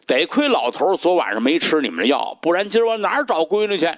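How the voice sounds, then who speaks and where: A man's voice: on the high side, big pitch swings, quick pace, no echo, clean studio sound. A man doing a scolding old woman. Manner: scolding, indignant. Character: sharp-tongued old woman defending her daughter.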